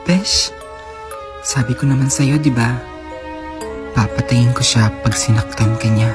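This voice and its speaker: A woman's voice: very deep voice, steady tone, normal speed, over music. A woman acting out a short dialogue between two best friends in playful, chatty banter. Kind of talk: acted dialogue skit.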